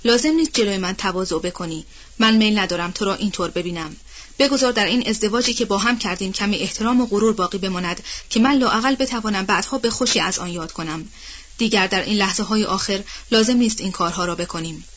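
A woman's voice: mid-range voice, a bit bright, lightly acted. A woman reading a novel aloud and voicing Rhett, a weary, bitter husband, in a heavy, coolly dismissive tone, on a dull, muffled recording. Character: weary, bitter, sardonic grown man, a husband.

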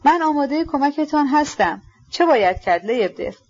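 Lady doing a gentle simple-hearted young prince, soft-spoken, dull lo-fi sound. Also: high-pitched, lively intonation, voice pushed up.

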